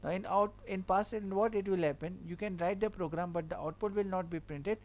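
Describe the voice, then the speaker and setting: Brisk and steady, a high-voiced man teaches a coding lesson recorded from his screen. He goes through the code stepwise, repeating every point alongside a filler "okay".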